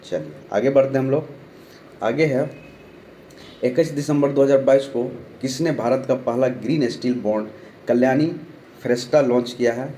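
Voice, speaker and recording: A young Bihari exam-prep teacher, his throat sore, speaks at medium pitch and a moderate pace, leaving long pauses. His tone is dark and mellow as he reads out current-affairs questions online, answers them, and repeats the names to retain. Faint noise is audible.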